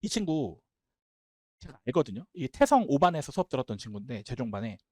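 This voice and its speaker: Brief: male instructor, slightly high voice, very animated delivery, seminar lecture. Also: no room sound, studio quality. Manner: emphatic, talks fast and animated. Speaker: Korean-language instructor.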